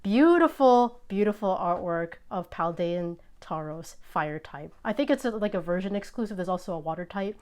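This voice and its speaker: A woman hosting a casual unboxing video, chatting excitedly and sometimes tripping over her words. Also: lowish voice, normal speed, hardly any pauses. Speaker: host opening trading card packs.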